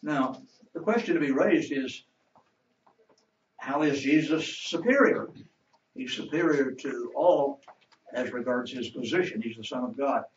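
This man teaches a Bible class from a distance in a church classroom, speaking in a mid-range voice at a measured pace with frequent pauses. He questions the class and waits for responses in this interactive lesson, captured in a roomy, distant, dull recording.

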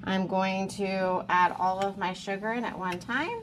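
A woman with a mid-range voice talks through a recipe in her home kitchen, relaxed and practical. She thinks aloud as she goes, with a few fillers along the way. Faint hiss and small clicks sit underneath her. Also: mid-range voice, unhurried. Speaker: home cook and homesteading vlogger. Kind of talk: casual how-to narration while cooking. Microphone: camera mounted above the stove and counter.

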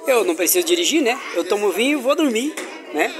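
A crowd murmurs behind a travel vlogger whose high voice swings widely in pitch at a quick pace. In this casual vlog he walks through an indoor farmers' market, cheerfully talking to his camera and to vendors and children, sprinkling in religious exclamations.

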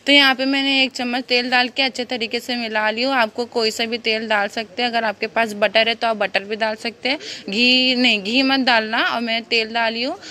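With a slightly high, sharp voice, a level tone and a moderate pace, a young woman demonstrates a home recipe in her kitchen. Her step-by-step talk is casual, chatty and full of fillers, recorded on a phone camera looking down at her hands.

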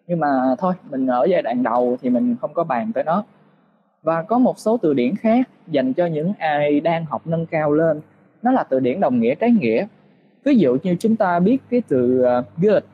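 A man's voice: fairly high pitch, highs cut off, slight background noise. Patient male teacher. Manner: patient, explaining step by step with rhetorical questions. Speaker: English teacher. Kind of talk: screen-share tutorial lesson.

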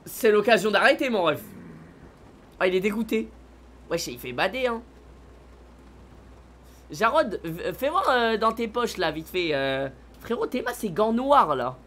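A man live-streaming a video game, excitable and slangy, talking straight to his chat. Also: high voice, measured pace, long pauses.

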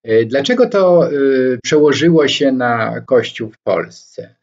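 This scholar commentator, a Polish man in his sixties, gives an animated yet reflective lecture to camera in a mid-range voice from his indoor home study lined with bookshelves. He is slow and deliberate, gesturing with both hands and frequently pausing with hesitation sounds as he finds his words. Recorded head-and-shoulders on a webcam or laptop mic, the sound is dull and lo-fi.

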